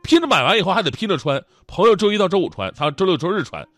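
A male host with a high-pitched voice tells funny stories at rapid-fire speed, joking animatedly and laughing a lot. There is no room sound.

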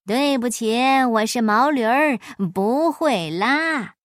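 A woman voicing a clever, humble male folk trickster in a storybook reading, unhurried and politely mocking. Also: a little high, lively intonation, no room sound, studio quality. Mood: sly.

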